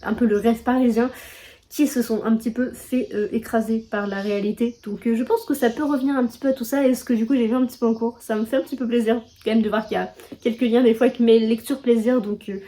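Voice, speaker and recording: A woman's voice: on the high side, fairly even intonation, quick pace, dark tone. A young woman from France chatting casually about her monthly book haul, full of filler words and self-deprecating asides. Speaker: book vlogger.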